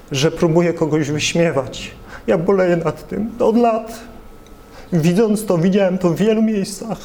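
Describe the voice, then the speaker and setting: A man's voice: sits high, a little mellow. A man giving a teaching sermon in an earnest, grieved way, sometimes stumbling and repeating words. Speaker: preacher.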